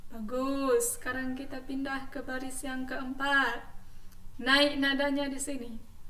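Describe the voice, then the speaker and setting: A woman Quran teacher leading a class, explaining slowly and patiently and chanting verses in a melodic recitation for pupils to repeat. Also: high voice, sharp tone, roomy sound, far from the mic.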